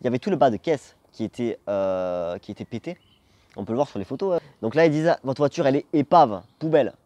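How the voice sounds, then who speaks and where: A man's voice: mid-range voice, big pitch swings, fast talker, warm tone, dry recording, muffled recording. A young man telling a personal story to camera in a casual, jokey, theatrical and slangy way. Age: young adult. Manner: jokey, theatrical, swearing freely.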